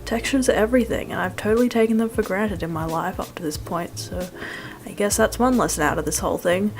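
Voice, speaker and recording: A woman's voice: medium pitch, brisk. Wry young woman over music. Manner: rambling, wry, self-deprecating, casual slangy phrasing. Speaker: food vlogger. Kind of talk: casual vlog voice-over.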